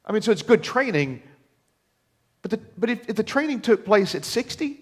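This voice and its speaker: Preacher, a touch higher than most men, big lively swings in pitch, folksy, keeps doubling up words as he starts a thought, preaching in church. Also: normal speed. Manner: animated, folksy, acts out quoted voices, repeats words when starting. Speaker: pastor. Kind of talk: sermon. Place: church sanctuary.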